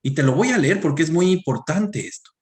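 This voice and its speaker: Guy preaching in church, kinda high voice, goes loud then real quiet, talks straight to the people. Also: expressive, fairly quick. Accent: Latin American Spanish. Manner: swings from loud emphatic peaks to quiet low asides; reads scripture aloud and addresses the congregation directly. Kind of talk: sermon.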